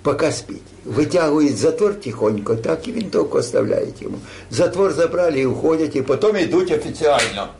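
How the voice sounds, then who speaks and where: Elderly grandpa storyteller, higher-pitched man. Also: animated, brisk, few pauses, a little mellow, slight background noise. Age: older. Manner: grandpa storytelling, rambling and colloquial, acting out dialogue. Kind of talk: casual oral war storytelling.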